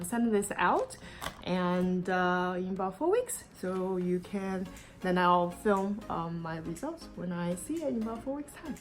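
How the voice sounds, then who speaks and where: Woman from china raised in the us, rambly casual review vlog, lots of ums, lowish voice. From born in China, raised in the United States. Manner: chatty, meandering, many ums and restarts. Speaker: YouTube vlogger.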